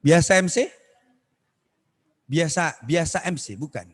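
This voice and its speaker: A man teaching Quran recitation on a video call, correcting students and demonstrating verses in a slow, drawn-out chant. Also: a little high, animated, husky, dry recording. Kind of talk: online Quran recitation lesson.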